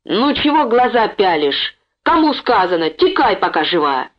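A woman doing a gruff, bossy bandit. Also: deep voice, sing-song, a little fast, voice pushed down. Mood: commanding. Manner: commanding, barking orders. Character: gruff dark-faced male bandit in a long greatcoat. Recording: dull lo-fi recording.

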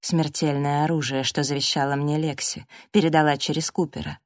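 A woman narrating a first-person audiobook in a steady, dramatic reading. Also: sits low, brisk, no room sound, clean studio sound.

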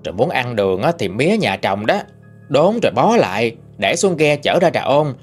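Lively ghost-story teller. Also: male voice, mid-range voice, moderate pace, husky, faint music behind. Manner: colloquial and lively. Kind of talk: spoken ghost story narration.

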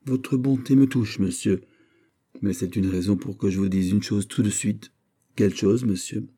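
Brief: polite, timid young man voiced by a male audiobook narrator, low and husky, mellow tone. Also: moderate pace. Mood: deferential. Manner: polite, deferential.

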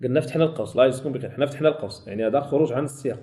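A man with a Moroccan Arabic accent teaching a Quran recitation class. He corrects his students and stretches out sample words slowly, saying them again and again. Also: mid-range voice, dark tone. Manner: corrects students and checks they follow. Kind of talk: classroom tajweed lesson.

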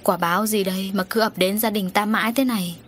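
A woman's voice: mid-range voice, steady tone, quick pace, a bit bright, soft background music, lightly acted. Audiobook: grieving mother, despairing lament, woman reader. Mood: sorrowful lament. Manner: lamenting, sorrowful. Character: grieving middle-aged mother, tearful and despairing.

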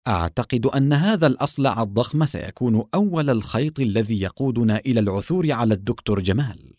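A stern, commanding male officer from a spy audiobook, voiced by a male reader. He speaks curtly with a lively, forceful edge. The sound is dry and close. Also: medium pitch, fast, no room sound, natural voice. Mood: serious. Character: stern male lieutenant colonel, curt and commanding.

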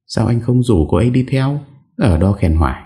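A man voicing a frightened young wife who pleads and pouts, speaking high and whiny. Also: animated, moderate pace, dark tone, close to an everyday voice. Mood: pouty teasing.

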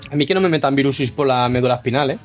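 Fast-talking podcast joker. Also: male voice, medium pitch, dull audio, soft background music. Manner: rapid, joking, crude asides. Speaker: podcast co-host. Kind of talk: casual podcast chat.

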